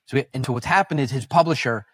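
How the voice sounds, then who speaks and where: Halting, animated man telling stories on a podcast. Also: mid-range voice, slightly rough, dry recording. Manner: halting, self-correcting, animated anecdotes. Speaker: podcast guest. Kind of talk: podcast interview storytelling.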